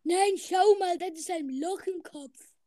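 A woman's voice: extremely high pitch, a little slow, mellow. A woman playing a silly, easily confused genie in improvised role-play, teasing and calling others names.

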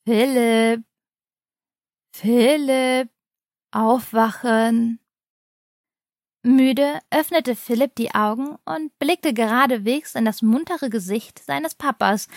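A woman reading a children's advent story aloud in a calm, steady storybook manner. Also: a little high, moderate pace, vocal fry, no echo, clean studio sound.

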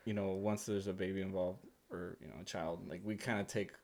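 A man's voice: low-pitched, a little fast. Chatty man telling family stories. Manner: laughing, animated storytelling with acted-out voices. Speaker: podcast co-host, father. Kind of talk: casual chat.

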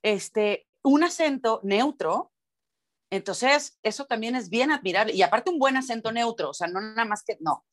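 A woman's voice: fairly high pitch, animated, moderate pace. A woman from Mexico, a voice actor with a Mexican Spanish accent, speaking earnestly and emphatically in an interview. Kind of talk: conversational interview.

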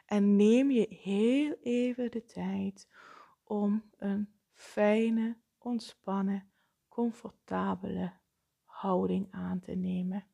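Woman, meditation guide, soft-spoken, breathy whispers, dark mellow tone, slight vocal fry. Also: medium pitch, fairly even intonation, slow.

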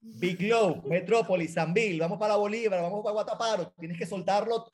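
Casual Venezuelan man, young adult, high-pitched voice, animated storyteller. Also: a little fast. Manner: animated storyteller, acts out quoted lines. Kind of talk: casual chat.

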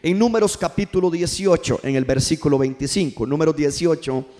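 A male pastor preaches a sermon in church, calling out for the congregation to respond in call-and-response fashion. His voice is warm and a little high, and he speaks a little fast.

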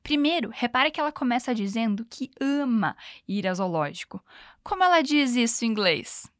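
Upbeat teacher with a higher voice. She sounds playful on a dry, close mic and hosts a podcast lesson. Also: very animated, no echo. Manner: upbeat, playful, switches between Portuguese and slow English examples. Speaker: English teacher and podcast host.

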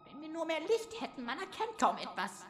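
Woman playing an earnest high-voiced sidekick. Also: sing-song, a little fast, a little hiss or hum. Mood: eager. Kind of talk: comedy audio play.

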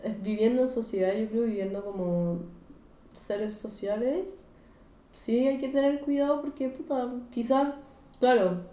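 Chilean woman, podcast guest, mellow and hedging, off-mic in a roomy space. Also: a little high, steady tone, measured pace, recorded from a distance. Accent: Chilean Spanish. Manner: thoughtful, slangy, hedging. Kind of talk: casual chat.

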